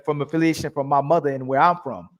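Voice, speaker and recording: A man's voice: fairly high pitch, fairly even intonation, fast. A man hosting a livestream call-in debate, pressing his caller with repeated questions. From family from Turkey. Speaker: livestream host.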